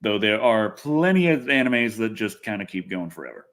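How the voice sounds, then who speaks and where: A man with a fairly low, fairly bright voice hosts a casual livestream, talking at a normal speed and sounding very animated. He chats with viewers in a loose, rambling way, and some swearing slips in.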